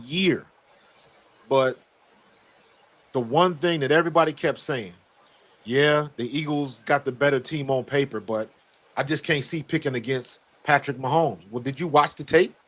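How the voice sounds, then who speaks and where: An American man with a hoarse, worn-out voice talks sports casually as a guest analyst, emphatic and blunt. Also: mid-range voice, normal speed, pauses often, a bit bright. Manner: emphatic, blunt, repeats words. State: hoarse, very little voice left. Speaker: guest football analyst, former pro player.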